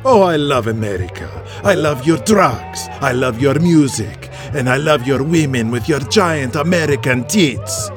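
An actor playing an arrogant villain wrestler who rants in broken English with a put-on Middle Eastern accent. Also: male voice, medium pitch, animated, a little slow, hardly any pauses, music in the background. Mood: leering. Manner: broken English, bombastic ranting. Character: arrogant villainous heel wrestler champion, boastful, hateful. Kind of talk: audio drama acting.

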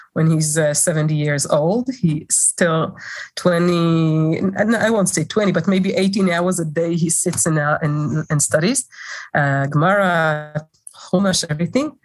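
Low-voiced woman, halting speech. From Israel. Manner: halting, many "uh" pauses while searching for words. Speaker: interview guest. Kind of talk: casual interview.

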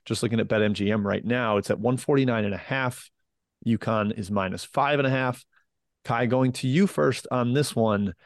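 A man's voice: mid-range voice, moderate pace, no room sound, clean studio sound. A man hosting a sports betting panel chat, talking casually and passing questions to colleagues. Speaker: podcast host.

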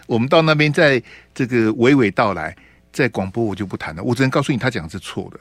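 A man's voice: mid-range voice, expressive, brisk, no echo. A man from Taiwan hosting a political radio talk show, chatty and fond of tag particles. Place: radio studio. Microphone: studio mic.

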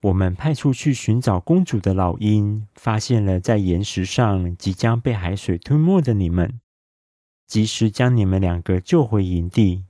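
A soft-spoken young male warrior, voiced by a man reading a bedtime story talks quietly and gently. His voice is low and warm. It sounds close and dry. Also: expressive, moderate pace, no room sound. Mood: gentle.

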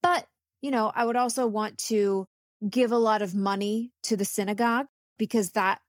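A woman's voice: mid-range voice, fairly even intonation, moderate pace, no room sound, clean studio sound. A woman co-hosting a podcast in casual comedic chat, thinking aloud with hesitant restarts. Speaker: podcast co-host.

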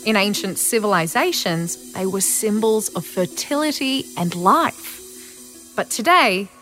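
A woman with an Australian accent reading scripted nature documentary narration in a measured, dramatic storytelling way. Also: mid-range voice, expressive, fairly bright tone, low-quality recording. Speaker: podcast host and narrator. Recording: music behind the voice. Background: music.

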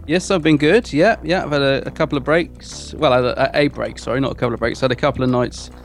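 A man's voice: medium pitch, quick pace, vocal fry, soft background music. A man co-hosting a podcast in casual, conversational chat. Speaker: podcast co-host.

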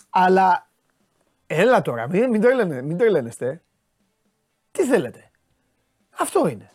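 Dry, clean studio audio captures a high-pitched man with a Greek accent who hosts a sports talk show. As the commentator, he scolds viewers casually and in exasperation, firing off rhetorical questions.

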